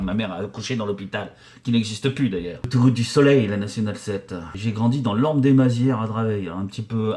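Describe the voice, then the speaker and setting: A painter and decorator in his forties from the Paris region, France, answers viewer questions in a casual, crude, joking chat. His voice is fairly low and darkish, and he rambles with many fillers and restarts.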